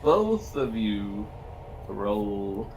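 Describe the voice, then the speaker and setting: A man's voice: on the low side, sing-song, drawn-out words, background noise. A man working as game master, casually narrating a tabletop game and asking players for their moves.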